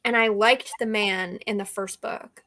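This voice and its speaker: A woman's voice: medium pitch, fairly even intonation, a little slow, pushed and bright. A woman co-hosting a reading livestream from home in casual chat, playful and teasing, often laughing.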